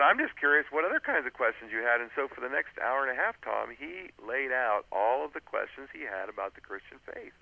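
Over a dry, tinny phone connection, a man who writes books earnestly recounts a story as a radio guest, stumbling with frequent "uh"s and restarts. His mid-range voice has a creaky quality.

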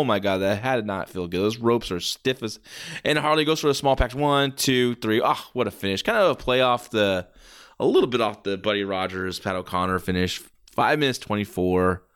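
A man's voice: mid-range voice, a bit bright, smooth. A man doing casual play-by-play as a wrestling commentator, reacting with exclamations and the odd swear word.

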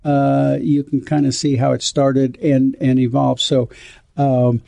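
A man talking casually as an interview guest, halting with many restarts and fillers. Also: mid-range voice, flat delivery, vocal fry, dark tone, no echo. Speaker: foundation guest.

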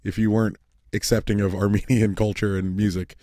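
A man's voice: on the low side, flat delivery, brisk, warm tone, dry recording, clean studio sound. A man from Southern California co-hosting a podcast, chatting in a sarcastic, playful way. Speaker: podcast co-host. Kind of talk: casual chat.

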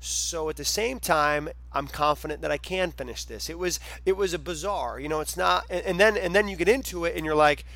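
Interviewing a guest casually on his podcast, this man responds enthusiastically and emphatically as he asks questions. His voice is a little high and fairly bright, with vocal fry, a slightly fast pace and few pauses.

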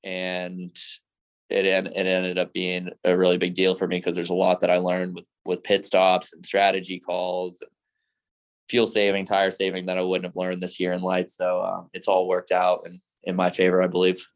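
A young man with a very low, flat voice answers a podcast interviewer's questions about his racing season. He speaks earnestly and in fits and starts, often breaking off and restarting his sentences. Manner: earnest, halting with many restarts. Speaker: racing driver guest.

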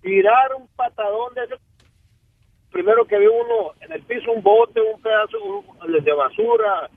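A man calling in, telling a story in halting speech with restarts. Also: sits high, husky, no room sound. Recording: tinny phone line.

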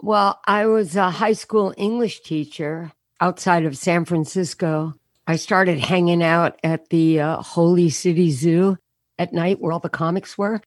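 Woman, deep voice, worn from rehearsals, self-mocking storyteller, dry remote-call sound. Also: no echo. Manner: anecdotal, self-mocking, quick punchlines. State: voice deeper than usual today, worn from a show and rehearsals. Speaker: comedian guest. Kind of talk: casual storytelling interview. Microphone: remote call over unstable internet.

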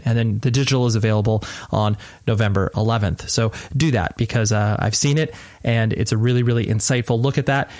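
An American man hosting a podcast at night, keeping his voice quiet and restrained as he rambles informally and earnestly through a casual intro. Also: mid-range voice, no room sound, studio quality. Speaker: podcast host. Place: at home at night, next door to a sleeping person.

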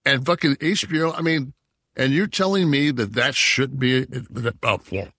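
Speaking at normal speed, a sixty-something Detroit man with a sharp, mid-range voice co-hosts a podcast. He rambles heatedly and profanely in casual chat, and the studio-quality audio has no room sound.

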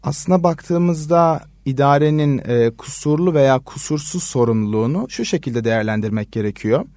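A man who is a legal scholar answers interview questions at an unhurried, measured pace, stopping often to hesitate mid-sentence. His voice sits at a middle pitch. The recording is dry and close. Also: darkish tone, no room sound. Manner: measured, frequent hesitation fillers. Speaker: law research assistant, guest expert. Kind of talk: explanatory radio interview answers.

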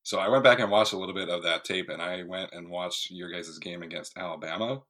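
A man's voice: sits low, fairly quick, a bit bright. A man hosting a sports podcast interview, asking questions in an upbeat, friendly way.

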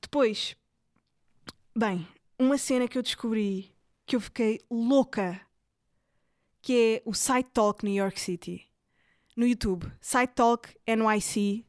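A woman with a European Portuguese accent hosts a podcast, chatting casually and recommending videos as she rambles with many fillers and English words. Her voice is a little high and slow, with long pauses, recorded in clean studio sound with no echo.

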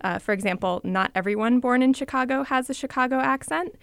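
A woman's voice: high-pitched, fairly quick, gravelly, fairly bright tone, clean tone, dry recording. A woman reporter explains her story on the radio in a chatty way, with some fillers.

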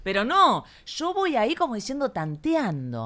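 A woman from Argentina with an Argentine accent, a stand-up comedian chatting as a podcast guest. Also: high voice. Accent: Argentine Spanish. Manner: animated, voseo, quick asides. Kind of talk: casual podcast chat.

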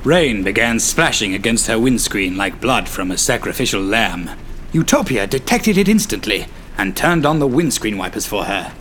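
A man's voice: on the low side, sing-song, normal speed, a bit bright, a little hiss or hum. Wry man narrating a story.

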